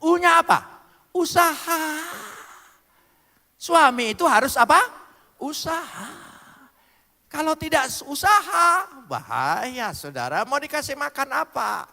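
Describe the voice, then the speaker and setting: A male pastor preaching a sermon with animated, playful delivery, spelling out words letter by letter and swinging between loud and soft. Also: very high voice, in a large hall. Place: church hall.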